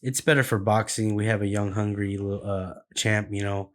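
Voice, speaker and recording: A man with a lowish voice co-hosting a combat-sports podcast, easygoing and slangy. He strings his thoughts together loosely with plenty of fillers, like friends talking over drinks. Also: level tone, normal speed, a bit bright. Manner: laid-back, slangy, trails off into fillers. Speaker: podcast co-host running the fight previews. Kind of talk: casual podcast chat.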